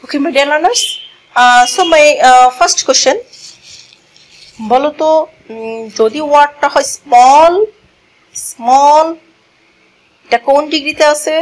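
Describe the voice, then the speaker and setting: Slow, patient woman teaching grammar. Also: high voice, poor audio. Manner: slow, repeats key words and asks the class questions; switches between languages mid-lesson. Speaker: English teacher. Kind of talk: classroom grammar lesson. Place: classroom with a board.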